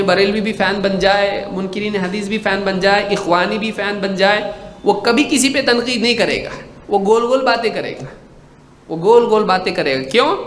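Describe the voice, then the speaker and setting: A man giving a sermon-style lecture as a preacher, animated, firing rhetorical questions and acting out little dialogues. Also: sits high. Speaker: Islamic preacher. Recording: echoey hall with faint noise.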